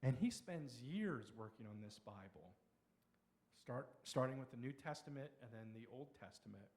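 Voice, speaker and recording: A middle-aged man from Pennsylvania giving a conversational slide lecture on history, with explanatory pauses and restarts. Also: mid-range voice, lively intonation, a little mellow. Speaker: local history speaker.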